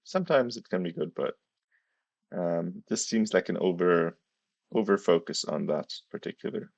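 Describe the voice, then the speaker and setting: A tired man quietly giving casual live chess commentary, speaking hesitantly and awkwardly because of a swollen tongue. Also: low-pitched, moderate pace, vocal fry. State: sore, swollen bitten tongue. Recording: dull, roomy sound.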